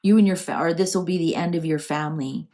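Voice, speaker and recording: Here a channel host with a Canadian accent talks quickly in a low, dark voice. She's doing an informal, unscripted tarot reading and working through her thoughts conversationally.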